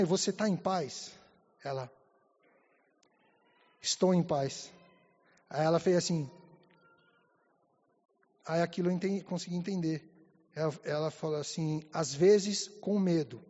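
A man with a high voice preaches in a church, hushed and halting at times, fervent at others. His voice carries a long hall reverb, and the sound is dull and muffled. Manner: soft and halting, rising to fervent. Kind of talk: sermon with personal testimony.

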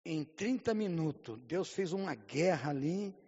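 A Brazilian man, a pastor, gives a sermon with a personal testimony. He tells it vividly and builds to fervent, near-shouted preaching, often repeating a stock phrase to the congregation. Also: a little high, animated, measured pace, breathy edge, long reverb tail, highs cut off.

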